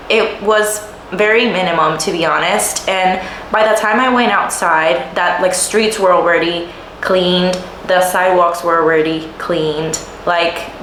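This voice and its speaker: A young woman from Puerto Rico giving a chatty life-update vlog, animated, often laughing and full of "like" fillers. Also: mid-range voice. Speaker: vlogger. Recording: roomy echo, faint room noise.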